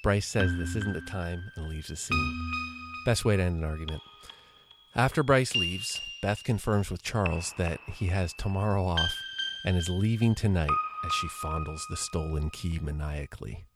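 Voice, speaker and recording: A man's voice: sits low, normal speed. A man hosting a podcast, retelling an old crime episode scene by scene with wry, sarcastic asides. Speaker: podcast host. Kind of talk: casual episode recap. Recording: loud music behind the voice.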